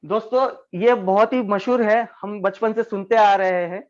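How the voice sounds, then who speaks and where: A man with a high voice leads a training session over a video call and explains each point patiently, turning to his listeners as friends again and again. The audio sounds dull and lo-fi. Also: steady tone, moderate pace. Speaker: network marketing trainer. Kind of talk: online training talk.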